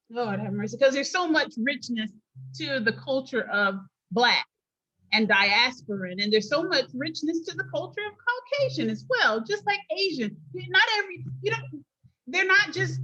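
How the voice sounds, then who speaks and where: Woman going off on politics, high voice, preachy and emphatic, lots of asides. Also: pushed and bright, dull audio. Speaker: host and political commentator. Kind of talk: impassioned political talk.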